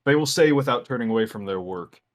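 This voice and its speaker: A man narrating a tabletop game as game master in a measured, descriptive way. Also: medium pitch, lively intonation.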